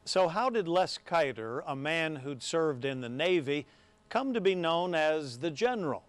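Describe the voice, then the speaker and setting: A man's voice: on the high side, animated, a little slow, no echo. A man, a longtime sports anchor, narrating a television news tribute in a reminiscing storytelling way.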